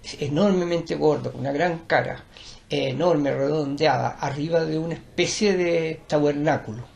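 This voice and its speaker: A man's voice: a little high, normal speed, creaky, darkish tone. An older man with a Chilean accent, a teacher and performer, talking in a digressive, lecturing way with many restarts. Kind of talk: rambling conversational interview.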